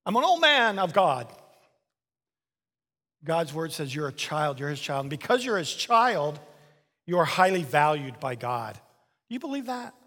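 Animated male pastor preaching in a reverberant hall. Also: a little high, unhurried, long pauses. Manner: animated, acts out little dialogues, repeats for emphasis. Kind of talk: sermon. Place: church sanctuary. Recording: long reverb of a large hall.

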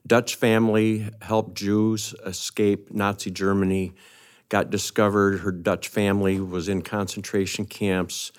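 An older pastor speaks on a podcast in a very deep voice. He tells his story in an easy, anecdotal way and makes fun of himself as he goes. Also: level tone, measured pace, clear, resonant tone.

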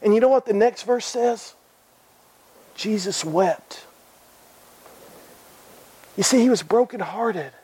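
A man's voice: very high voice, fairly quick, few pauses, warm tone, slightly rough, low-quality recording. A man preaching a sermon in an earnest way, repeating phrases and asking his listeners direct questions.

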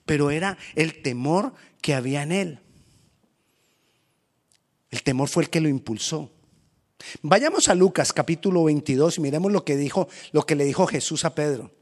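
A man preaching a sermon as pastor, animated and acting out quoted voices. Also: fairly high pitch, normal speed, long pauses.

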